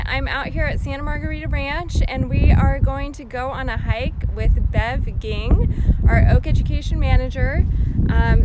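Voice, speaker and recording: Female live-tour host, high pitch, mask-muffled, casual delivery, very noisy outdoor recording. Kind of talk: casual live video presenting. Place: outdoors on a ranch trail. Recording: windy outdoor recording with loud noise.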